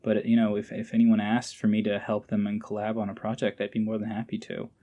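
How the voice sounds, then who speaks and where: With a lowish, dark, monotone voice and a brisk pace, an amateur voice actor chats as a podcast guest in a casual interview. He's informal, somewhat hesitant, and enthusiastic, and the sound is lo-fi.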